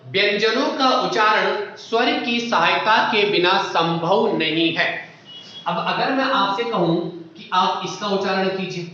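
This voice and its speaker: Bright-voiced male teacher in an echoey room. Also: sits high. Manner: explains step by step, asks the class rhetorical questions. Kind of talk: exam-prep Hindi grammar lecture. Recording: echoey room, dull lo-fi sound.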